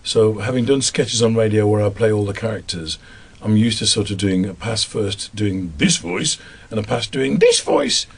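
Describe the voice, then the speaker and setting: A man's voice: lowish voice, fairly even intonation, fairly quick, slightly rough. A man from the English Midlands with a Midlands accent, a voice actor chatting about his work in an interview in a self-mocking way. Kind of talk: interview answers.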